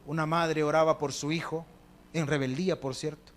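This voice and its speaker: A Salvadoran pastor preaching to his congregation, his voice pitched high. He tells stories and acts out the people in them, dropping to a hush and then rising loud, and he keeps calling his listeners brothers. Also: fairly even intonation, normal speed. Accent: Salvadoran Spanish. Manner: storytelling with acted quotes, dramatic swings between hushed and loud. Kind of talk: sermon.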